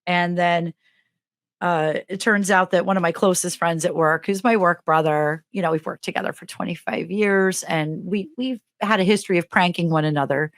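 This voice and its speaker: Lower-voiced middle-aged woman telling a funny story. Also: dry recording, clean studio sound. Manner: animated, acts out quotes with big pitch jumps. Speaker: podcast co-host and teacher. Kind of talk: comedic storytelling in casual chat.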